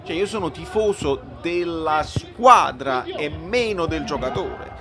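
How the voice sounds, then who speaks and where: A man's voice: on the high side, lively intonation, slow pace, over music. A man with a Neapolitan Italian accent giving a casual, spontaneous football reaction, colloquial, slangy and exclamatory. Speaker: football fan doing a live match reaction. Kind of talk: casual spontaneous match commentary. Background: football match broadcast with crowd.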